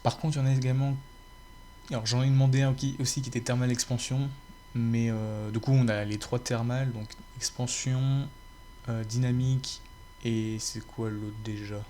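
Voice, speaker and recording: Homme au débit hésitant, faint hum. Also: male voice, medium pitch, little pitch movement, normal speed, dark tone. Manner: rambling, many fillers and restarts. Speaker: gaming YouTuber. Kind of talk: casual chat to viewers.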